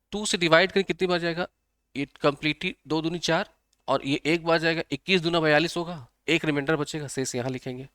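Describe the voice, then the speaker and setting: A man's voice: medium pitch, a bit bright, no echo, clean studio sound. A male computer teacher, explaining an exam-prep lesson step by step and often checking that students follow. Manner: repetitive, checks understanding often.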